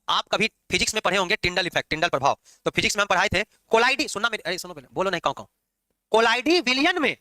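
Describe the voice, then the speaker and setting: A man teaching chemistry in a classroom lecture, lively and teasing his students as he explains. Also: high-pitched, dry recording. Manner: lively, scolding and joking with students.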